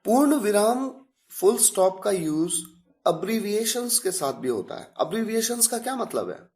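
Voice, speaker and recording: A man with an Indian accent teaching a slow explanatory English lesson, spelling out examples slowly. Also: sits high, big pitch swings, a little mellow.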